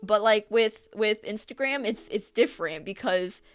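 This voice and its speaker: A young woman live-streaming her art, chatting casually, rambling and swearing, losing her train of thought and breaking into animated rants. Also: mid-range voice, moderate pace, clean tone, soft background music.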